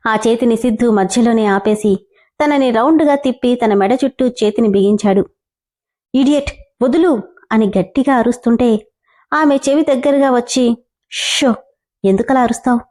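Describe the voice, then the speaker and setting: A woman storyteller reads a dramatic scripted story aloud. Her voice is fairly high and soft-toned. She keeps a steady, dramatic reading pace. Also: normal speed.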